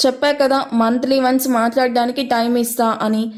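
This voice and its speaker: A woman's voice: fairly high pitch, little pitch movement, a little fast, close to an everyday voice. Woman voicing a controlling young husband. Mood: commanding. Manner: cold, commanding.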